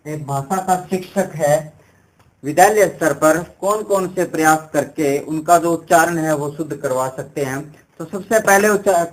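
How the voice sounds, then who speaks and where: A man's voice: a little high, poor audio. A young man teaching an exam-prep language lesson, explaining step by step and often asking rhetorical questions before answering them himself.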